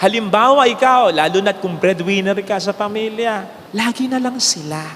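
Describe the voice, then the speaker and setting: Filipino priest preaching, very high voice, lively storyteller, long church reverb, faint hiss. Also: male voice, normal speed. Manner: animated storytelling, swinging from high exclaims to low hushed lines. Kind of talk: homily. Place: large church.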